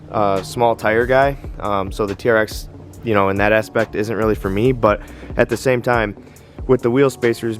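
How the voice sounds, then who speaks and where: A man in his twenties hosting a casual car vlog outdoors in the snow, a little out of breath from the cold, relaxed and full of fillers. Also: lowish voice. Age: 20s. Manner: relaxed, filler-heavy, enthusiastic. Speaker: car channel host. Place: outdoors in snow beside a truck.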